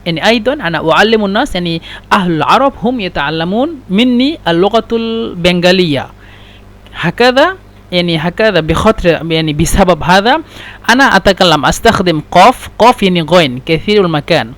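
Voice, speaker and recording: High-voiced man teaching. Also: expressive, a bit bright. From Bangladesh. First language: Bengali. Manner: repeats example phrases slowly, halting explanations. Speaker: language teacher. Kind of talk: explaining Arabic dialect lesson.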